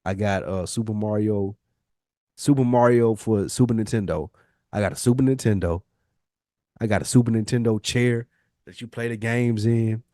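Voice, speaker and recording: This forties-aged podcast co-host has a warm, fairly low voice and a moderate pace, captured in studio quality without room sound. Chatting casually, he tells personal stories full of slang and swearing, repeating phrases for emphasis.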